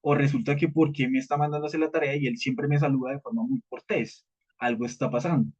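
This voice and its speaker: A man's voice: medium pitch, fairly even intonation, fast, darkish tone, husky. A man leading a live cybersecurity training, explaining at a conversational pace and often checking in with the group. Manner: conversational teaching, frequent "¿listo?" checks, repeated fillers. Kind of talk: live training session with participants. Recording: dull lo-fi audio.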